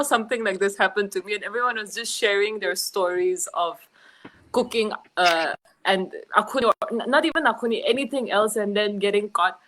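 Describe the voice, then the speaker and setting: Animated woman telling a story. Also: medium pitch, low-quality recording. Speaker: film team member, guest. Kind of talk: casual storytelling in interview.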